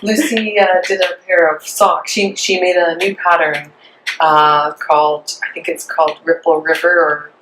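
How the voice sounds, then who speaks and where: Woman cohosting a yarn podcast, lowish voice, laughs a lot, faint hiss behind. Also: little pitch movement, unhurried, fairly bright tone, poor audio. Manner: chatty, laughs often, trying out Norwegian phrases. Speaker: podcast co-host for a yarn shop. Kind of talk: casual podcast chat.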